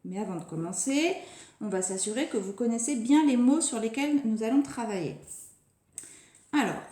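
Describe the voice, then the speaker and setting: A woman teacher speaks to young children with a high, lively voice that swoops up and down. Her tone is mellow and she draws out each word slowly, repeating it with care. The sound carries the echo of a bare room. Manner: slow, deliberate, stretches and repeats words for children. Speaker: preschool teacher. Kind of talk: recorded lesson for young children. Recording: echoey room.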